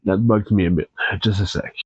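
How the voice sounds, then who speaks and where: A man's voice: fairly low pitch, steady tone, brisk, a little mellow, breathy edge, no echo, highs cut off. A tired, congested man chatting casually as a live-stream host, rambling easygoing with fillers and restarts. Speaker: Twitch streamer.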